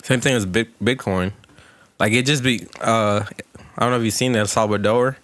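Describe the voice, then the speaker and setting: A man talks in a low voice, rambling and trailing off as he thinks aloud on a podcast. His delivery is loose and hesitant, with plenty of fillers. The sound is dry and close. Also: steady tone, moderate pace, a bit bright, no echo. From Texas. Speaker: podcast co-host. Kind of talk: casual chat.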